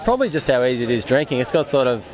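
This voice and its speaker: A man's voice: medium pitch, very animated, very fast. An easygoing Australian man chatting casually as an apprentice brewer being interviewed. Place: outdoors at a beer festival. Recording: outdoor event with crowd behind.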